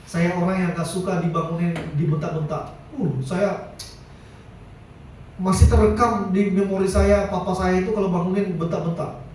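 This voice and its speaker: In a church hall, a middle-aged man preaches a sermon, telling stories casually and dropping in a chatty "ya" often. His voice sits high and darkish, steady and moderately paced; the hall is very echoey, the mic far off, with slight background noise.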